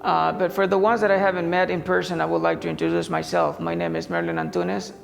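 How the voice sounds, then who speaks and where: A man's voice: sits high, level tone, fast talker, gravelly, long reverb tail, soft background music. A man from Honduras, an orthopedic surgeon, giving an earnest video address with some fillers.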